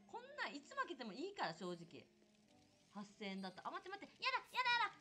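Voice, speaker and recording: Excitable young woman streaming a game. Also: a little high, quick pace, soft background music. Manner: excitable, chatty, yelps and shouts at the game. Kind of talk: casual live gameplay commentary.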